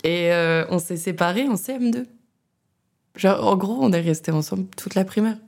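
A woman's voice: mid-range voice, moderate pace, creaky, darkish tone. A woman co-hosting a podcast, blunt and chatty, often laughing as she talks. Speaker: podcast co-host. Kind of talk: casual banter.

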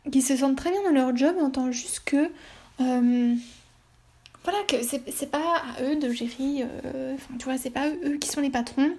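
Woman, podcast host, casual solo chat, hesitant, high voice, mellow tone. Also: husky. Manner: rambling, hesitant, lots of fillers.

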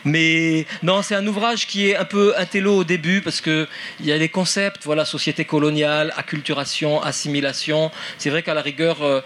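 Man, author at a forum: slightly high voice, halting, self-mocking. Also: steady tone, a bit bright, a little hiss or hum. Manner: hesitant, many fillers and restarts, wry self-mocking humor. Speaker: author presenting his book at a public forum. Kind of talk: public talk, then answering questions.

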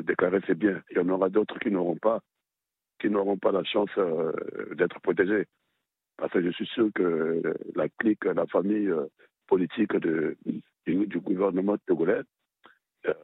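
A man caller leaving an opinion message on a radio station's answering machine, speaking hesitantly with many filler pauses. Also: deep voice, fairly even intonation, vocal fry, husky, no room sound. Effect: voicemail message left on a radio answering machine, over a phone line. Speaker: listener caller. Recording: dry, tinny phone line.

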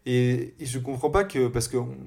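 A man chatting casually as a podcast co-host, relaxed and slangy, with many hesitations. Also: medium pitch, normal speed. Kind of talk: casual chat.

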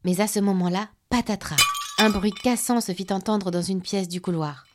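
A woman storyteller reading a children's story aloud in a clear, expressive way. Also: mid-range voice, moderate pace, very noisy.

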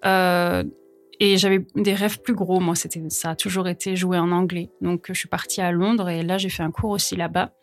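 A woman in her thirties from France, an actress chatting as an interview guest, hesitant with many fillers and quick to laugh. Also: fairly low pitch, little pitch movement, soft background music. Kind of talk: casual conversational interview.

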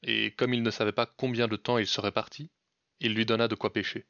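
A man telling a folk tale as a podcast storyteller, in measured, dramatic narration. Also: on the low side, level tone, vocal fry, a bit bright, dry recording. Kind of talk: scripted narration. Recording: dull, dry lo-fi recording.

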